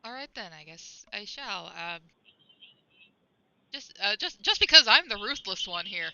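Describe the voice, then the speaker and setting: A woman playing in a tabletop game, playful and quick to laugh. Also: mid-range voice, sing-song, bright, forceful tone, no room sound, muffled recording. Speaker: player.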